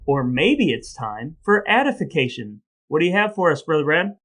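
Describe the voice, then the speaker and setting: His voice sits on the high side and has a sing-song lilt, moving at a moderate pace with a slightly bright quality. As a podcast co-host, he performs a scripted dramatic reading with mock-solemn playfulness and trades banter.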